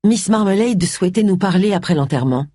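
A reader voicing a brisk, direct young woman detective in an audiobook, in a dry, close recording. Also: medium pitch, expressive, dark tone, no room sound, voice pushed up, close to an everyday voice.

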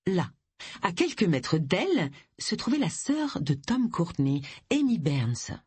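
An audiobook narrator reading a story in an expressive way. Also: mid-range voice, takes it slowly, slightly rough, no echo. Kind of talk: scripted narration.

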